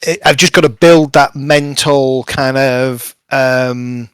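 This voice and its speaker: A man's voice: mid-range voice, flat delivery, slow pace, fairly bright tone, clean tone, no echo. A man acting as game master for a tabletop game, narrating and often thinking aloud hesitantly.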